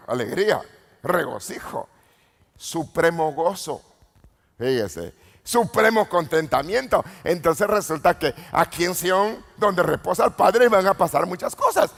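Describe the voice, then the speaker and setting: A man preaching a Pentecostal sermon as an apostle, swinging from low murmurs to sudden shouts and calling out questions to the congregation. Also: gravelly. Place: church retreat hall. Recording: long hall reverb.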